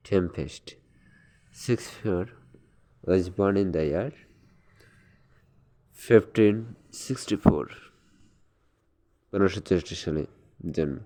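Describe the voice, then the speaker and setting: A man's voice: sits low, dark tone. A man tutoring for an exam, reading quiz questions and answers one by one, with hesitations and fillers. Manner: reads quiz questions slowly, then explains in quick asides. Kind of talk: exam-prep lesson.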